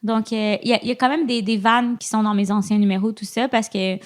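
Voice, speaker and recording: A woman with a Québécois accent chats through an interview as a stand-up comedian. Her voice sits a little high. She talks quickly, with plenty of fillers and bursts of laughter. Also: steady tone. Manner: fast, chatty, frequent fillers and laughter. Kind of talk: casual interview chat.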